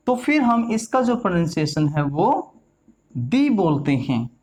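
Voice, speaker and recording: Man teaching grammar. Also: high-pitched. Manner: repeats key words and asks the viewers questions. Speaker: English teacher. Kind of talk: classroom-style lesson explanation.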